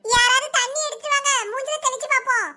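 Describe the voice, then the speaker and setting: Woman doing squeaky bright village cartoon voices, Kanyakumari accent, scolding banter. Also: fairly even intonation, a little hiss or hum. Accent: Kanyakumari Tamil. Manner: scolding, teasing, rapid banter. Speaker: cartoon voice artist. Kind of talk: village cartoon comedy voicing.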